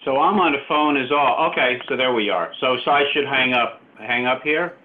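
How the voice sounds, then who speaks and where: A man's voice: medium pitch, fairly quick. A man joining a virtual public meeting by phone, presenting his application hesitantly with many fillers and restarts. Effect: heard over a phone line. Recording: tinny phone line.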